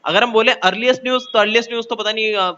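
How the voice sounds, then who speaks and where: A man with an Indian accent teaching English grammar in Hindi, explaining step by step, asking the class questions and reading English rules out slowly. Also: high voice, fairly even intonation, sharp tone, dull audio.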